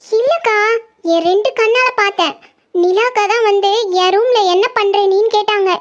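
A woman's voice: very high voice, normal speed, voice pushed up. A woman voicing a timid young girl in a cartoon who stammers and pleads after being caught snooping. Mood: anxious. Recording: slightly dull lo-fi audio.

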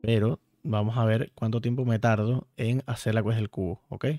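A man's voice: on the low side, little pitch movement, moderate pace, warm tone, dry recording. A man streaming a video game, chatting casually and playfully with viewers and swearing freely. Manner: profane, playful, talks to chat directly. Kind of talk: casual live-stream chat while playing. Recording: dry sound, faint background music.

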